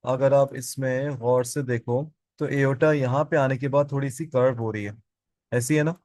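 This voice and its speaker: In a close, dry recording with no room sound, a male biology teacher addresses his class at a middle pitch and normal speed. His tone is steady and darkish as he asks students questions, answers them himself, and says each key term twice.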